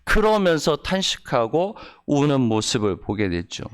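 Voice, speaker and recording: A man preaching a Sunday sermon with emotion, using rhetorical questions and dropping from soft, low lines to raised, higher ones. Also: big pitch swings, measured pace. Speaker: pastor. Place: church service.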